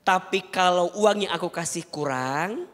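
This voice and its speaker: A man's voice: high voice, a little slow, fairly bright tone, slight background noise. A man preaching a televised sermon, earnestly advising and keeping the audience engaged with rhetorical questions. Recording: long hall reverb.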